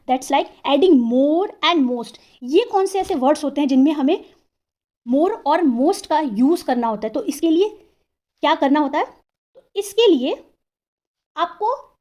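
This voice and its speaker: A woman teacher explaining English grammar, asking herself questions and sounding out words slowly, syllable by syllable. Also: high-pitched, warm tone. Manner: asks and answers her own questions.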